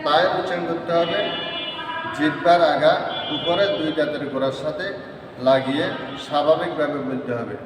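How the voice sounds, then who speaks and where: A man's voice: a little high, fairly even intonation, normal speed, long pauses, background noise. A man teaching Quran letter pronunciation in a lesson. He goes step by step and repeats each letter three times. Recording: echoey hall from far off.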